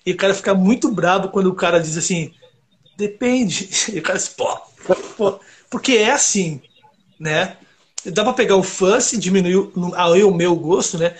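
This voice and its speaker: A high-pitched man talks shop in a loose, rambling way. He tells animated stories packed with fillers and asides, like a recording engineer chatting on a podcast. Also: normal speed. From Brazil. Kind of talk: casual podcast chat.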